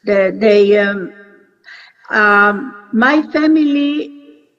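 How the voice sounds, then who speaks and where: Halting elderly woman in her eighties. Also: mid-range voice, fairly bright tone. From Poland. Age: 80s. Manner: halting, with many restarts and pauses. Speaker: Holocaust survivor interviewee. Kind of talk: recorded interview. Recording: dull lo-fi video recording.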